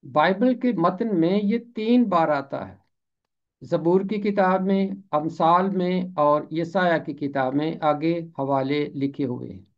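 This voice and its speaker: A man's voice: fairly high pitch, dull audio. A man teaching the pronunciation and meaning of words, saying each term carefully and repeating it for clarity. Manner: deliberate, repeats each word slowly for clarity. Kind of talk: explanatory lesson on word pronunciation.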